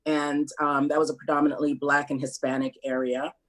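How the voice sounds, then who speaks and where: Thoughtful middle-aged woman, measured speech. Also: low voice, little pitch movement, poor audio. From Brooklyn, New York, USA. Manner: thoughtful, measured, with frequent ums and restarts. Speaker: interview guest. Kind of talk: candid sit-down interview.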